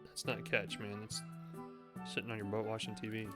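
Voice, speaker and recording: A man giving animated, jokey commentary while playing a game, talking to the characters on screen. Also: on the low side, moderate pace. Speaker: gamer. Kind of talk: let's play commentary. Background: game music.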